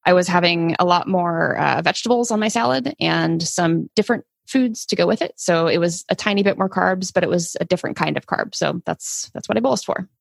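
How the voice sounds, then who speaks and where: A woman's voice: fairly low pitch, brisk, creaky, hardly any pauses, no echo. Woman podcast host, dry close sound. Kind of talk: podcast presenting, conversational.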